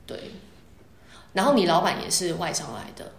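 A woman's voice: lowish voice, big pitch swings, moderate pace. A woman with a Taiwanese Mandarin accent hosting a casual chat, mixing English words into her Mandarin. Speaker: host interviewing a guest. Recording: echoey room with clear background noise.

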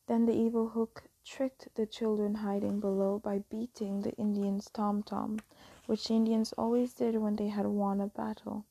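A woman telling a fairy tale as a soft, slow, whispered bedtime story reading. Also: fairly high pitch, gravelly, husky, dry recording, poor audio.

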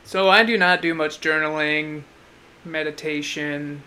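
A man's voice: on the high side, fairly even intonation, measured pace, sharp tone. An American man co-hosting a podcast in a casual, dryly joking way. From California, United States. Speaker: podcast co-host.

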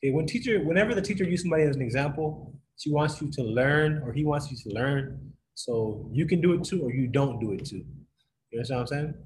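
A man's voice: fairly high pitch, animated, quick pace, slight background noise, low-quality recording. A man teaching a Bible lesson to a group in a casual way, often checking in with his listeners. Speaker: youth Bible study leader.

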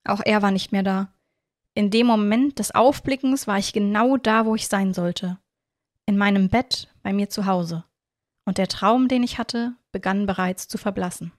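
Woman, story reader, podcast host, calm even narration, medium pitch, dry close sound. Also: normal speed, no room sound. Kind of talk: reading a short story aloud.

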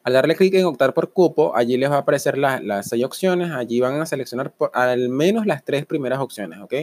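A man with a Venezuelan Spanish accent and a hoarse, sepulchral voice, as if down with the flu, hosting an informal podcast monologue and giving emphatic, repeated step-by-step instructions. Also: medium pitch, lively intonation, a little fast, darkish tone, dry recording. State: under the weather with a flu-like hoarseness. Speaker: podcast host.

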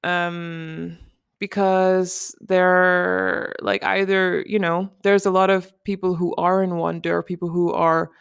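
A woman's voice: lowish voice, level tone, slow, gravelly, clear, resonant tone, dry recording, clean studio sound. A woman in her twenties hosting a casual pillow-talk chat from her living room, rambling and chatty. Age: 20s. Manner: rambling, chatty, many "like" and "you know". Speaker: podcast host.

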